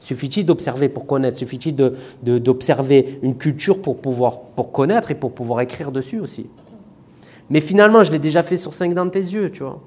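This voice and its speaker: A man's voice: mid-range voice, lively intonation, moderate pace, darkish tone. A man with a Marseille accent, an author talking loosely in an interview, with many fillers and restarts. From France. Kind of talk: casual interview talk.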